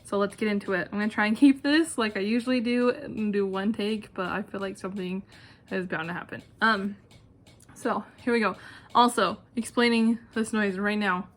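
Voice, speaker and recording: A woman's voice: mid-range voice, steady tone, normal speed. A young adult woman talking casually and informally to her channel in a self-deprecating, chatty way, with clicking in the background. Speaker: video channel host. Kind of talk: casual one-take vlog chat, answering questions. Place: at home, indoors. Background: clicking ceiling fan, possible neighbors talking outside.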